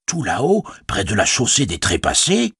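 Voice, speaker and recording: A man voicing a chatty, fretful stout innkeeper who rambles and exclaims, with a husky voice. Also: medium pitch, huge pitch swings, normal speed, fairly bright tone, no echo, studio quality, voice pushed up, exaggerated voice. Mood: wary.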